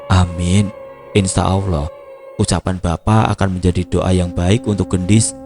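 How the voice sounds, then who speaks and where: A man's voice: low voice, flat delivery, normal speed. A man voicing a curious young mother who asks questions directly. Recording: music playing behind.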